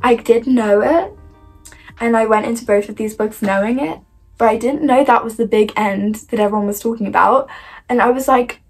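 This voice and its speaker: A young woman chatting casually about her year of reading, gushing and animated, with lots of "like" and sudden excited jumps in her voice. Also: fairly high pitch, moderate pace, breathy edge, faint music behind. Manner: gushing, animated, heavy use of "like". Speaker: book reviewer. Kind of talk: casual reading wrap-up chat.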